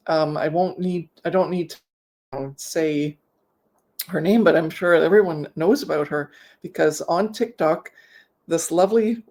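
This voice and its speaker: Speaking from her home office over a video call, a middle-aged business coach chats in an unhurried, deep, somewhat mellow voice. A mouthguard gives her a slight lisp, and her explanations wander through examples that she revises as she goes.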